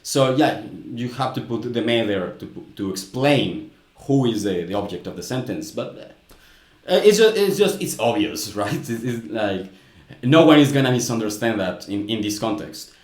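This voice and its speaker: A man's voice: on the low side, lively intonation, normal speed, darkish tone. Man musing in a roomy space. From Mexico. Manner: musing, hesitant, repeats words. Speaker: YouTube host. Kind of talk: casual commentary. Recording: roomy echo.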